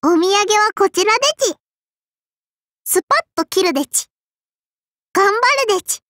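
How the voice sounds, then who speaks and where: She's a little sparrow girl in an anime mobile game who runs an inn and carries a sword, her voice extremely high, bright and childlike with a soft lisp. Polite, prim, strict and dutiful, with a cutesy verbal tic, she sounds cheerful while speaking at a measured pace. Her Japanese voice lines are captured close and dry.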